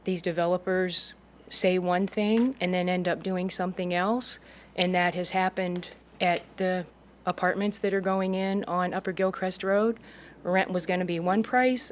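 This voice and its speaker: A woman's voice: on the low side, a little hiss or hum. A woman giving informal public comment as a resident at a hearing.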